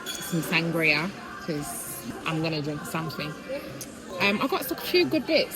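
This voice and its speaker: A woman in her thirties chatting candidly and upbeat in a casual vlog. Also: sits low. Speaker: vlogger. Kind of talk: casual vlog chat to camera. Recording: noisy background.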